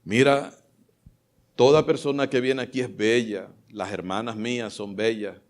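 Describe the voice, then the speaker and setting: A man preaching a sermon as pastor, fervent, swinging between loud exclamations and soft asides. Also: medium pitch, fairly even intonation, a little slow.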